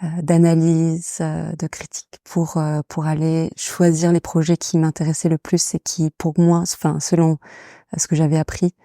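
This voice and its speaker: A young woman from England who grew up in France, speaking in a low, dark, rather flat voice. She talks hesitantly, with many fillers and pauses, as a guest in a casual interview. The sound is dry and close. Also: dry recording. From England, raised in France. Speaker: guest, association director.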